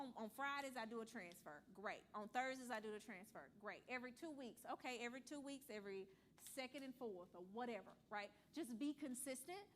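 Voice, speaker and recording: A woman presenting a financial seminar to a live audience in an animated, conversational way, acting out little dialogues and taking questions. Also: fairly high pitch, a little hiss or hum. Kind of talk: lively seminar talk with audience Q&A.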